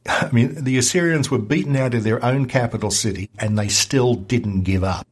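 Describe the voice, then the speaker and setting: A man guest on a history podcast, explaining events in a lively, wry conversational way. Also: medium pitch, moderate pace, breathy edge. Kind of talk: casual history chat.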